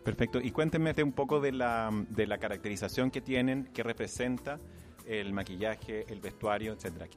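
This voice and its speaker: A man with a rather low voice speaks at normal speed while interviewing for radio at an embassy cultural celebration. He asks polite questions, restarting a little at times, and loud music can be heard behind the conversation.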